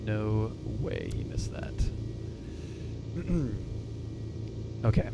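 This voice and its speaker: A man giving relaxed, chatty and playful livestream commentary as a flight-sim pilot. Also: drawn-out words, creaky, loud music behind the voice. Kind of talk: casual livestream commentary mixed with radio read-backs. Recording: loud engine rumble and cabin noise. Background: simulated aircraft engine noise.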